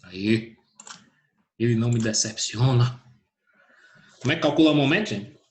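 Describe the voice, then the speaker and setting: A man gives an online physics lesson from home, speaking at an ordinary middle pitch. He calls students by name, throws out questions and answers them himself. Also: animated, moderate pace. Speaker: teacher.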